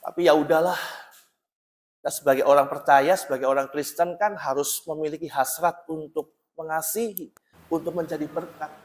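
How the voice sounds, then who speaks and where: A man with a notably high voice preaching to his congregation, telling a story with animated emphasis and frequent direct address. His voice rings out through a large church hall with a long, trailing reverb. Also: moderate pace. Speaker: pastor. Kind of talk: sermon.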